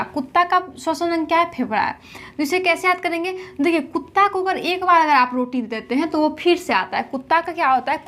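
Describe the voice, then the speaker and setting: A woman's voice: high voice, a bit bright. A woman teaching a general knowledge lesson, explaining memory tricks. She keeps asking rhetorical questions, answers them herself, and repeats each point several times.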